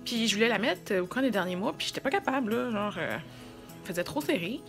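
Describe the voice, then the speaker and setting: A woman's voice: a little high, expressive, fairly quick, music in the background. Chatty Quebec woman in her thirties. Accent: Quebec French. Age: 30s. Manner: chatty, informal, self-deprecating. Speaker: vlogger. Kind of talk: casual vlog chat to camera.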